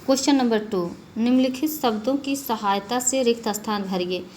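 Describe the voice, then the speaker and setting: A woman's voice: on the high side, normal speed, darkish tone, slight background noise, low-quality recording. A woman teacher giving a classroom grammar lesson, explaining step by step and reading out word examples to the children. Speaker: school teacher.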